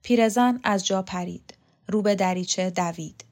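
A woman calmly narrating a novel in a measured, scripted reading. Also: medium pitch. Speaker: audiobook reader.

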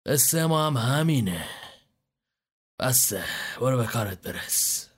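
A man voicing a calm male gang boss who lectures in a measured, philosophizing way. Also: medium pitch, husky. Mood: menacing.

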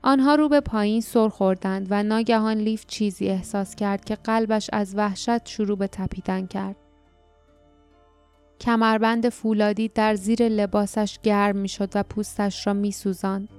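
Lady reading an audiobook, calm and measured, smooth voice, soft music behind. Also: mid-range voice. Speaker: audiobook narrator. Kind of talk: scripted narration.

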